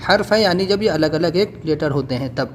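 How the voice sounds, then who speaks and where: Male tutor with a high voice; patient, repetitive lesson delivery over light background noise. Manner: patient, repeats and drills letter sounds. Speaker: Quran reading teacher. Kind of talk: explanatory lesson.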